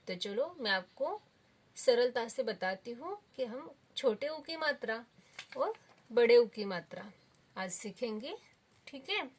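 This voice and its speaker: Slow patient woman teaching children. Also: a little high, a little hiss or hum. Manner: slow, patient, sounding out each syllable. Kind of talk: children's lesson.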